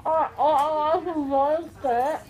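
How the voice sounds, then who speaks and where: A woman's voice: high-pitched, steady tone, takes it slowly, a crowd in the background. A dazed, confused young woman, groggy from anesthesia, asking things repeatedly with a gauze-muffled mouth. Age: young adult. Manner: dazed, repetitive questioning. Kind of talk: casual chat. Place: small curtained recovery room indoors. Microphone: phone camera held nearby.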